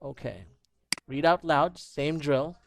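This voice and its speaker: A man's voice: on the high side, takes it slowly, gravelly. A man teaching English one-on-one over a video call. He patiently explains new vocabulary with everyday examples and leans on "you know" as he talks. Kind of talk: online one-on-one English lesson.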